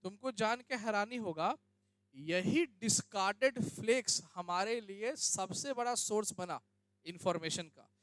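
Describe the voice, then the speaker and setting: High-voiced male teacher quizzing his class. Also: expressive, a little slow, a bit bright, clear, resonant tone, no room sound. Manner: questions students, addresses them as beta; conversational, checks understanding often. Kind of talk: classroom lecture.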